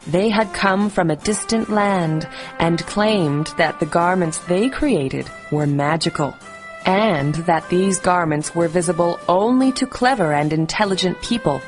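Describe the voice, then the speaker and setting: A woman reading a scripted bedtime story for children in a clear, expressive storybook delivery. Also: fairly low pitch, measured pace, soft background music.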